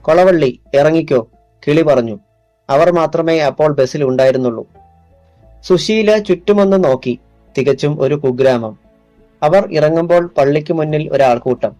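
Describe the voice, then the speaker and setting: A man reading a crime thriller audiobook in steady, measured scripted narration. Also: on the high side, dry recording, soft background music.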